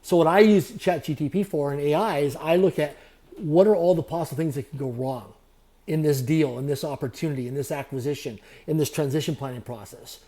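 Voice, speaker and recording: A man speaks at a rapid clip in an interview, stacking phrases in repeated lists. His voice sits a little high for a man but sounds warm and mellow. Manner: fast, repetitive motivational phrasing. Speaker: guest, entrepreneur. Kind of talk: podcast interview.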